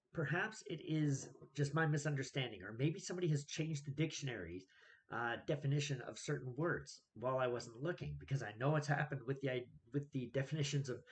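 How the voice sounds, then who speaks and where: A man's voice: a little high, a little hiss or hum. A man vlogging a solo opinion rant, exasperated and emphatic, full of rhetorical questions.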